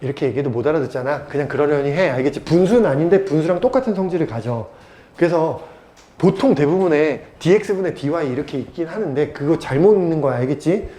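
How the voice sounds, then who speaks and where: A man's voice: a little high, animated, quick pace, mellow. A male math teacher giving a casual, blunt lecture, teasing his students and constantly quizzing them.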